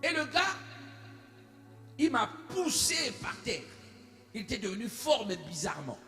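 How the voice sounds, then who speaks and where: A man preaching a sermon as a pastor, telling a story, swinging between hushed asides and shouted declarations. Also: extremely high pitch, sing-song, unhurried. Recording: echoey room with faint music.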